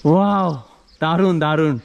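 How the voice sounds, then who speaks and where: Man, travel vlogger, high voice, excited exclaiming delivery, echoing voice outdoors at a monastery. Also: measured pace, creaky, clean tone, highs cut off. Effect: voice echoing around an open stone courtyard. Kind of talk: casual travel vlog narration. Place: outdoors in front of a hillside monastery.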